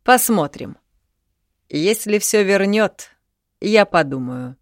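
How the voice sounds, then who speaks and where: A woman's voice: medium pitch, lively intonation, slow pace, no room sound, clean studio sound, pitched above the performer's own voice. A woman voicing a blunt, scolding older man in an audiobook, coarse and commanding. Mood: gruff. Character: older man, gruff and bossy factory owner.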